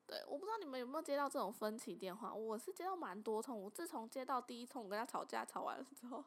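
A young woman with a Taiwanese Mandarin accent hosting a casual podcast, telling stories in an animated way and laughing often. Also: a little high, fast talker. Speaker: podcast host.

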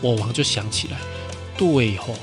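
A man's voice: mid-range voice, moderate pace, music in the background. Male storyteller. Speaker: podcast storyteller. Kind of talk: casual storytelling narration.

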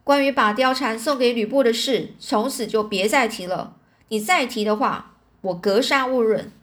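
A woman's voice: a little high, moderate pace, fairly bright tone, lightly acted. A woman reading a storybook, voicing a powerful older male warlord who is possessive and commanding. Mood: angry. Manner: blustering, commanding.

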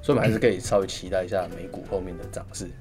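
A male podcast host with a Taiwanese accent talks fast in a fairly low voice. His style is casual and colloquial, full of little interjections, with light guitar music playing underneath. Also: steady tone, a little mellow. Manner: colloquial, frequent short interjections. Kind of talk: casual chat.

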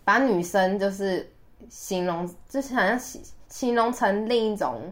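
A woman's voice: mid-range voice, moderate pace. A woman with a Taiwanese Mandarin accent talks casually as the co-host of a podcast. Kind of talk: casual chat.

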